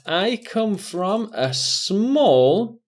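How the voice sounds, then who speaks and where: A man's voice: high voice, sing-song. A man teaching an exam speaking lesson, thinking aloud as he writes out model answers. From England. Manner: slow, deliberate, thinking aloud while writing. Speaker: English test teacher. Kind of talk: recorded online lesson.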